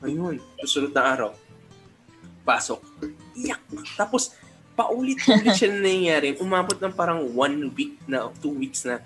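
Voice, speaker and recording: A young man with a fairly high, very lively voice tells childhood stories on a podcast and acts out the quoted lines. Faint music plays under him. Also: measured pace. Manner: animated storyteller, acts out quoted dialogue. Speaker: podcast co-host. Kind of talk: casual storytelling.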